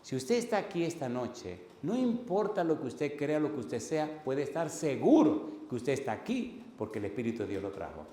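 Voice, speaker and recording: A man's voice: medium pitch, dark tone, a little hiss or hum. A male pastor preaching a sermon, repeating phrases and firing questions at the congregation. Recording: roomy hall with faint ambience.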